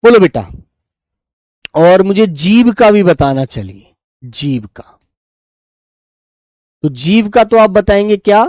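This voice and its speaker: A man's voice: high-pitched, big pitch swings, takes it slowly, long pauses, a little mellow, no echo, studio quality. A man teaching a live online quiz class, coaxing his students and calling them "beta" as he goes through the answers.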